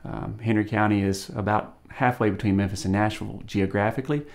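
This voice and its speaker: Low, flat-voiced man. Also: gravelly. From Tennessee, USA. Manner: measured, frequent ums and uhs. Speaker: surgeon. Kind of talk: on-camera promotional interview. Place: studio with plain grey backdrop.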